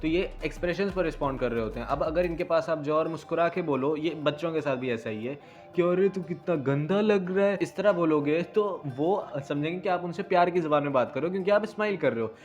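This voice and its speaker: A man's voice: a little high, expressive, quick pace, hardly any pauses, lo-fi sound, soft background music. A young man co-hosting a casual explanatory discussion, adding everyday examples and addressing viewers directly. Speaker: co-host and student.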